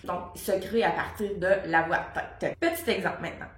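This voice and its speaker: A woman's voice: lowish voice, brisk, slight background noise. A young adult woman with a Québécois French accent, a voice coach explaining technique casually with many fillers and brief sung demonstrations. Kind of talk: vocal lesson to camera. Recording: roomy echo.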